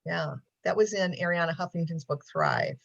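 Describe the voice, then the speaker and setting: A woman's voice: lowish voice, huge pitch swings, moderate pace, vocal fry. A woman counselor giving a casual talk on a video call, chatty and laughing often, with many ums. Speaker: mental health counselor. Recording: dull lo-fi call audio.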